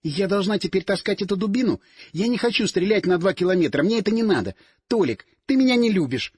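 A man's voice: sits high, lively intonation, fast talker, husky, no room sound, studio quality, voice pushed up, exaggerated voice. A man voicing a cheeky, wheedling young woman nicknamed Squirrel, in an audiobook. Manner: whiny, wheedling.

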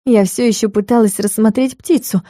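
A woman narrating a first-person fantasy story as an audiobook, lively and expressive in her telling. Her voice is mellow and sits at a middle pitch. The recording is dry and close, with no room around it. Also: moderate pace, dry recording.

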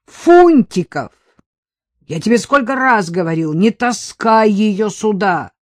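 A woman voicing a gruff middle-aged male police sergeant who scolds loudly. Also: mid-range voice, big pitch swings, measured pace. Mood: scolding. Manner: stern, scolding, loud.

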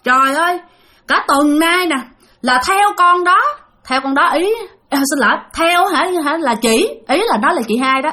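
A starving spirit speaking through a possessed woman, crude and demanding in a high, shrill voice, as a woman storyteller acts it out. The carries into the ghost's rough way of talking. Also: animated, moderate pace, sharp tone. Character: hungry dead sister's spirit possessing a woman.

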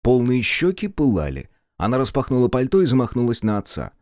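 A man's voice: medium pitch, wildly swooping pitch, brisk, a little mellow, dry recording, studio quality. A man reading a novel aloud expressively as narrator. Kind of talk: audiobook narration.

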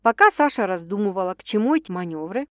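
A woman narrating a novel in a calm, soft-spoken reading voice. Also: mid-range voice, fast, no room sound, studio quality. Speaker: audiobook narrator. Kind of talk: scripted narration.

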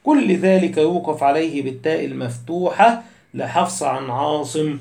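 A man teaching a lesson on Quranic spelling and recitation, listing words one by one and reciting the quoted verses slowly and deliberately. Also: on the high side, vocal fry, a little mellow, reverberant.

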